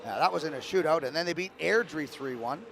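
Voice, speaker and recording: A man calling live hockey play-by-play, brisk and rising with the action. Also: on the high side, lively intonation, vocal fry, a bit bright. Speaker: play-by-play commentator.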